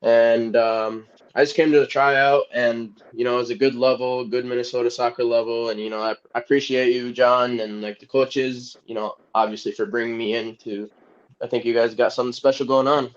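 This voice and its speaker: Give me a relaxed young man from Egypt chatting as a podcast guest, monotone, over dull lo-fi sound. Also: medium pitch, brisk. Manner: easygoing, laughs often, rambling. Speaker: guest soccer player. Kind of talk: casual podcast interview. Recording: dull lo-fi audio.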